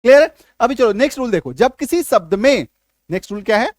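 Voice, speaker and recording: A man with a high voice and a Hindi accent teaches English spelling. He explains patiently, goes over each point again and keeps checking that his listeners follow. The sound is close and dry, with almost no room around it. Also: lively intonation, quick pace, no room sound. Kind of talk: spelling lesson.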